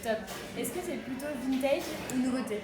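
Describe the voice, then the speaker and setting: A woman interviewer asking short casual questions with quick upbeat reactions. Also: sits high, over loud music. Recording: echoey room with loud crowd.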